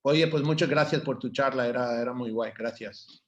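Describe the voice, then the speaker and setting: A man's voice: mid-range voice, normal speed, highs cut off, slight background noise. Hesitant man switching into English words. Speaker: advertising producer. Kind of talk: panel discussion.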